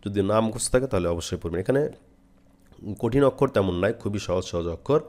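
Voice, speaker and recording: A man's voice: lowish voice, animated, darkish tone. A man from Bangladesh teaching Quran recitation step by step, explaining each phrase plainly. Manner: models phrases with long drawn-out chanting, then explains plainly.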